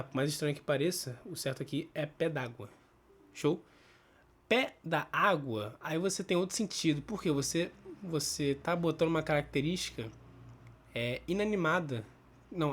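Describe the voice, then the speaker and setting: A Brazilian man teaching a casual Portuguese spelling lesson, explaining step by step, thinking aloud and often checking in with quick tag questions. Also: a little high. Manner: thinks aloud with restarts and self-corrections. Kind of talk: casual spoken grammar lesson.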